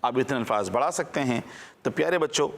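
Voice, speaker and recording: A man's voice: mid-range voice, animated, creaky. A man presenting on a children's TV show, teaching patiently and quizzing his young listeners in a question-and-answer style.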